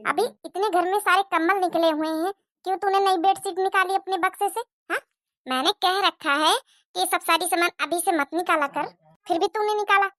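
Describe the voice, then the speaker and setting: A woman's voice: very high-pitched, a bit bright, no room sound, studio quality. A woman voicing a scolding, stingy middle-aged mother-in-law who nags and complains. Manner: nagging, scolding.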